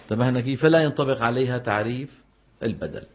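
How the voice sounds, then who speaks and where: A middle-aged man with a Levantine Arabic accent lectures a class on recitation at a middle pitch. He quizzes his students and then answers himself, drawing each example word out slowly. The recording sounds slightly dull and lo-fi. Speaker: Quran recitation teacher.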